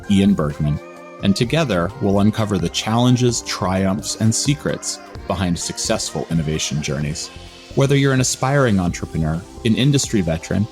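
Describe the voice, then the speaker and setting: A middle-aged man hosts a podcast with a fairly low voice and an upbeat, enthusiastic delivery. Faint music plays softly behind him. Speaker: podcast host. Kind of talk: scripted intro then interview.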